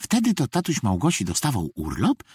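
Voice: breathy edge, dry recording, studio quality. A reader narrating a storybook in the first person as a teddy bear. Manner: slow, very lively pitch.

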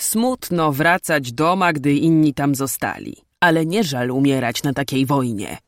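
A woman voicing a gruff, weary old male knight who talks firmly in old-fashioned speech. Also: a bass voice, expressive, measured pace, no room sound, clean studio sound. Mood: stern. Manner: firm, archaic speech.

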